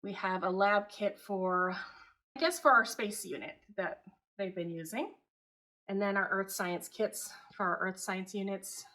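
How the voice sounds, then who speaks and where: Homeschool mom walking around her house, relaxed and chatty, grew up in taiwan. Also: mid-range voice, unhurried. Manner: relaxed, chatty, matter-of-fact. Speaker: homeschooling mother and channel host. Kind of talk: casual home tour vlog. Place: at home, indoors.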